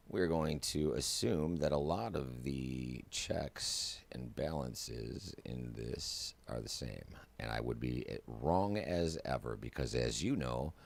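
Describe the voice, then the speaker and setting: A man's voice: very deep voice, gravelly. A man giving casual, chatty commentary while streaming a flight simulator, narrating each step aloud with self-mocking asides.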